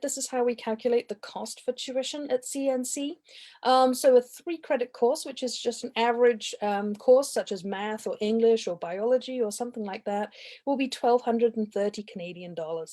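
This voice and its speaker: A woman's voice: a little high, moderate pace, mellow. A woman giving an informative college presentation in a webinar, talking steadily with frequent ums.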